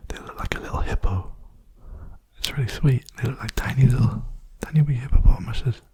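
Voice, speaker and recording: Male ASMR host, gentle casual rambler; dark mellow tone, hushed delivery that drifts into whispering. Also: mid-range voice, brisk, slightly rough. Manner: hushed, often slipping into whispering. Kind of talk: softly spoken ASMR rambling.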